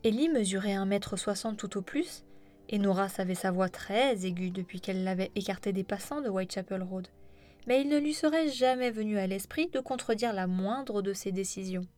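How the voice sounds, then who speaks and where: A woman narrates a novel in a steady, measured voice at a middle pitch. Her storytelling stays even and unhurried. Faint music sits quietly behind her. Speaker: audiobook narrator. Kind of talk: scripted narration.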